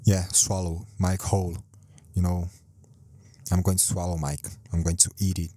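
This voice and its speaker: With a deep, warm voice and level tone, a man talks at a moderate pace, no room sound audible. It's his solo podcast recorded at home: rambling, self-deprecating, heavy on swearing and repetition. The home mic is close, now and then too close.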